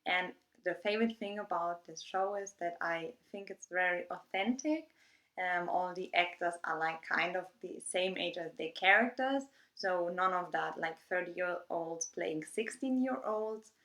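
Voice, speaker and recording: Young German woman vlogger, slightly low voice, rambling friendly chatter with fillers. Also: unhurried, fairly bright tone. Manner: reads prepared answers from her phone. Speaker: YouTuber. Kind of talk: casual get-to-know-me vlog.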